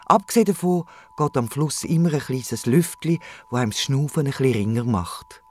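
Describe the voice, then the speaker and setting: A man with a Swiss German accent, narrating a children's radio play in a lively storytelling manner. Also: mid-range voice, brisk.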